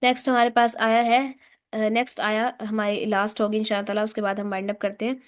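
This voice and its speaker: A woman teaching a Quran recitation class, patiently repeating sounds and chanting phrases slowly, with her praise spoken very softly. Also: mid-range voice, little pitch movement. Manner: slow, patient, demonstrates sounds by repeating them.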